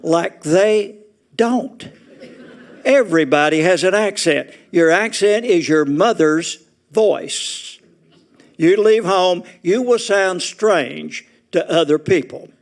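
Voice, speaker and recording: Older Southern man, retired preacher, folksy joker with a slightly high voice, laughs through his stories. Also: expressive, takes it slowly, vocal fry. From Arkansas. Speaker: retired Baptist preacher, guest speaker. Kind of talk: humorous after-dinner style speech. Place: meeting room at a retirement community.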